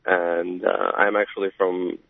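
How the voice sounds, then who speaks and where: A man from Albania calling into a radio show, speaking haltingly with many fillers. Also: low voice, level tone, gravelly, no room sound. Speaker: caller. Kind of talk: call-in radio talk. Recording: tinny phone line on the radio.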